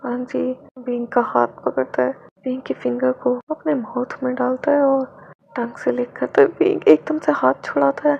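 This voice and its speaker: A woman reads a story aloud in a plain, steady way. Her voice is high and thick with vocal fry. The recording sounds dull and lo-fi, with a faint hiss underneath. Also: normal speed. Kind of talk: reading fan fiction aloud.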